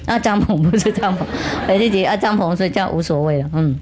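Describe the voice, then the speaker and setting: A woman spiritual teacher telling a funny story to children in an animated, humorous way, with chatty asides. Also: lowish voice, fairly quick, noisy background.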